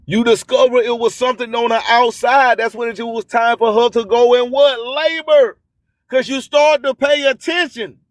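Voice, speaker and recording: Hosting an internet radio show, a man with a very high-pitched voice delivers a preachy motivational spoken-word monologue packed with repeated, rhyming catchphrases. His intonation stays fairly even, his pace is moderate, and there's no room sound.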